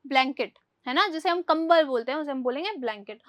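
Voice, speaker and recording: A woman teaching a vocabulary lesson. She asks a question, answers it, and has each word repeated, lifting her voice on each new word and dropping soft on the answers. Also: high voice, lively intonation, fast.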